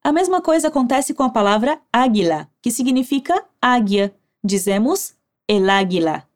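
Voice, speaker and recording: A woman with a Brazilian Portuguese accent teaching Spanish, giving clear, encouraging instructions and modeling phrases slowly for the listener to repeat. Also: fairly high pitch, sing-song. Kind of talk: language lesson narration with repeat drills.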